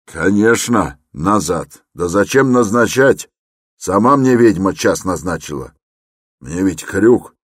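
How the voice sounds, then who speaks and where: A man voicing a gruff grumbling man. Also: low voice, expressive, slow, dry recording, studio quality, pitched above the performer's own voice, full character voice. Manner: grumbling, irritable. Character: gruff impatient middle-aged man.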